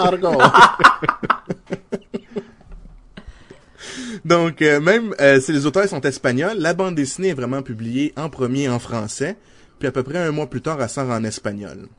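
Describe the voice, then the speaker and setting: Québécois man chatting, halting and relaxed. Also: medium pitch. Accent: Québécois French. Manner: relaxed, presents facts with many hesitations. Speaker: podcast co-host. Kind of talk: casual chat.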